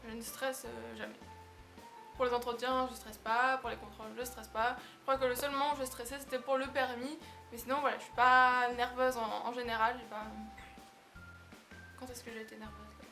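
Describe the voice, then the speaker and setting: Young woman, vlogger, bright tone, relaxed and giggly. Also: fairly high pitch, a little fast, faint music behind. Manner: chatty, relaxed, laughs often, many fillers. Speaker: beauty vlogger. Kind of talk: casual vlog answering tag questions.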